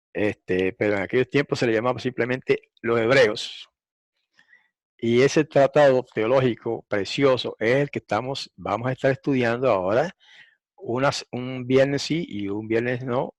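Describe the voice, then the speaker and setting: A man teaching a recorded Bible lesson, explaining patiently and repeating points for emphasis, with frequent fillers and throat clearing. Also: medium pitch, no room sound.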